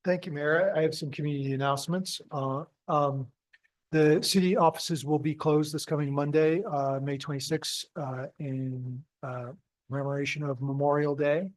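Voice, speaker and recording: Male city official, flat intonation, somewhat raised pitch, hesitant announcement style. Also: moderate pace. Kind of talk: informal public announcements.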